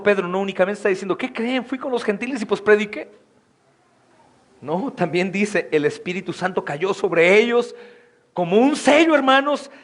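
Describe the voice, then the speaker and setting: A male pastor preaching a sermon with fervor, often calling out to his congregation as brothers. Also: sits high.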